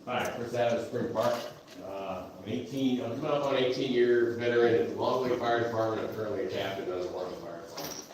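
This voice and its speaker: A man who is a fire captain giving a blunt, halting public comment at a council meeting, with many fillers. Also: medium pitch. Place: council chamber. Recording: very echoey hall from far off, faint noise.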